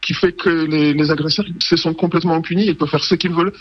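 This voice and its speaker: A woman giving a recorded testimony with her voice disguised by a voice changer, speaking in a measured way with some hesitant repeated words. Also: deep voice, steady tone, breathy edge. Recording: dull lo-fi radio clip.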